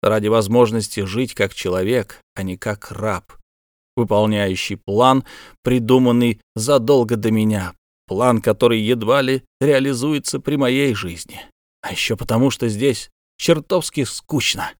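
Man reading as a weary idealistic guard, earnest measured talk, dry audiobook sound. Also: medium pitch, fairly even intonation, no room sound, lightly acted.

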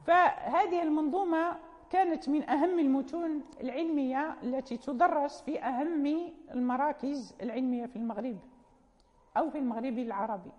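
Moroccan woman, high voice, recitation teacher explaining with fillers, muffled recording in a reverberant hall. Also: darkish tone. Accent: Moroccan Arabic. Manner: explanatory, with fillers and self-corrections. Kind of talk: lecture.

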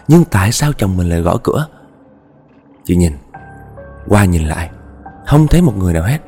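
A man's voice: on the low side, dark tone, slightly rough. A man with a Southern Vietnamese accent narrating a horror story, chatting directly to his listeners. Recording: faint background music.

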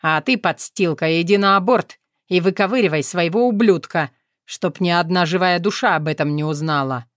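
A woman's voice: on the low side, normal speed, no room sound, natural voice. Brutal young male thug, growled threats, read by a woman, dry close audiobook sound. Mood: menacing.

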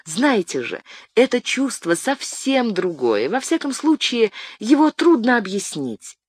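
A reader voicing a young noblewoman, loving and earnest, in an audiobook, with a higher, lighter voice and a tender, pleading way of talking. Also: very animated, measured pace, darkish tone, breathy edge, exaggerated voice. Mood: ardent. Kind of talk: audiobook narration.

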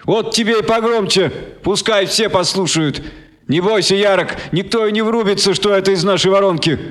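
A man's voice: high-pitched, moderate pace, a bit bright, pitched above the performer's own voice. A man voicing a cocky, boastful young man who teases his friends. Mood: teasing. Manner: boastful, teasing. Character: cocky young male radio tinkerer Indyuk.

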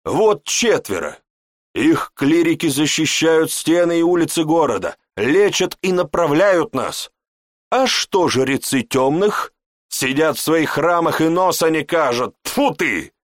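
A man's voice: a little high, animated, a little slow, no room sound, studio quality, pitched above the performer's own voice. A man voicing a gossipy townsman who spreads rumors in a confiding, indignant way. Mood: indignant gossip.

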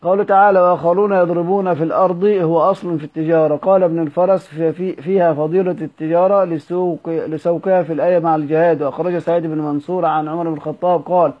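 Higher-voiced man reading a classical text over thin audio. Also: steady tone. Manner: measured reading, stressing each verse heading, with small restarts. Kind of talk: reading a classical text aloud with brief explanatory asides. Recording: narrow phone-like audio.

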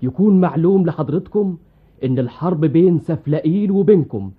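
A husky, quick-talking royal courtier. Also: male voice, fairly high pitch, animated. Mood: formal. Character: king's excitable loyal courtier of the jinn. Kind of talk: theatrical radio drama acting. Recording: dull lo-fi recording.

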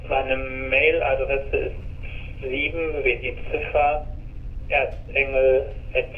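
A man leaving a polite, formal voicemail message, heard over a phone line. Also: medium pitch. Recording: tinny phone line with faint noise.

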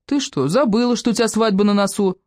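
Женщина читает строгого доброго пожилого отставного офицера. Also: female voice, medium pitch, fast talker, a little mellow, dry recording, studio quality, voice pushed up, lightly acted. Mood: fatherly. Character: elderly man, former army officer, kindly and stern.

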